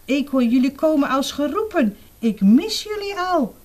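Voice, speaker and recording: A woman's voice: high voice, sing-song, moderate pace, a little mellow, pitched above the performer's own voice. A woman reading aloud and voicing a sweet female rabbit who has a cold, in a children's story. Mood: glad.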